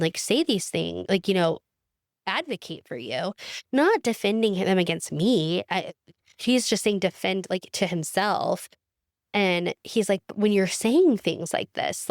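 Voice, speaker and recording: A woman's voice: on the low side, vocal fry, no room sound, clean studio sound. A young woman telling a personal story in a casual, emotional way, full of "like" and restarts. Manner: emotional, filler-heavy, frequent restarts. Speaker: podcast guest sharing testimony.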